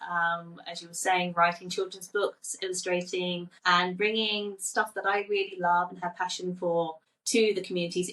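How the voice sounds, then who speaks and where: A woman's voice: lowish voice, pushed and bright, far from the mic, low-quality recording. A woman in her forties, from Thailand, talking casually as a guest on a podcast and telling stories with light laughs. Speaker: children's book author.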